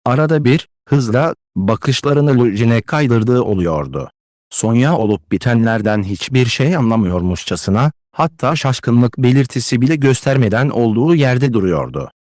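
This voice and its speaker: A man reading a classic novel aloud as an audiobook narrator, measured and expressive. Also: medium pitch, no room sound, clean studio sound. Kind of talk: scripted literary narration.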